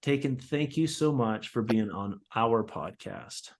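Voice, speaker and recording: Male podcast co-host, medium pitch, upbeat and enthusiastic interviewer. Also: unhurried. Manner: upbeat, enthusiastic introductions with some fillers.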